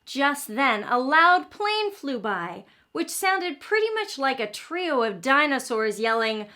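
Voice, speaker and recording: A woman with a high, very bright voice leads storytime for young children. She takes her time, speaking slowly in an animated, encouraging way. She explains things simply and puts questions straight to the child listening. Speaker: children's read-aloud host and teacher.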